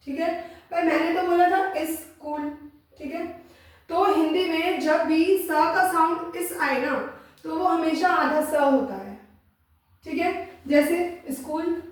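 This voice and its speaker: Female teacher, high and slow-spoken, patient explainer, roomy echo, mic set back. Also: recorded from a distance. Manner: patient, repeats sounds slowly and checks in often. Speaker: Hindi teacher. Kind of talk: classroom-style explanation.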